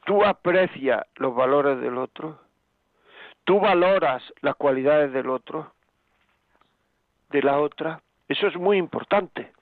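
A man's voice: fairly high pitch, no echo. A man presenting relationship advice on the radio, talking emphatically and repeating himself with rhetorical questions. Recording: phone-like band, dry.

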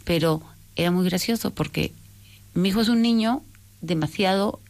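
Low-voiced woman telling a faith story. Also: moderate pace, a little mellow. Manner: earnest, searching, often repeats and corrects herself. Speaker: interview guest sharing a faith testimony. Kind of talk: personal storytelling.

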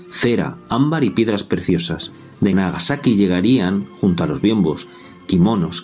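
A man giving a measured, scripted historical narration. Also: deep voice, darkish tone. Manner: measured, descriptive storytelling.

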